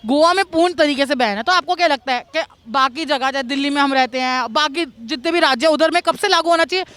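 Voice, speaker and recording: A woman working as a street reporter asks passers-by leading questions outdoors for vox pop interviews. Her voice is high and a bit bright, and she speaks quickly.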